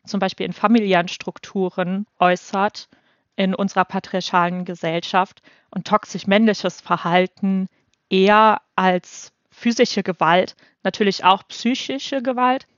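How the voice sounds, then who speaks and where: A woman of twenty-eight from North Rhine-Westphalia, co-hosting a podcast and explaining things in a measured way. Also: mid-range voice, fairly even intonation, no echo, muffled recording. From North Rhine-Westphalia, Germany. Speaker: podcast co-host. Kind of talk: scripted podcast discussion.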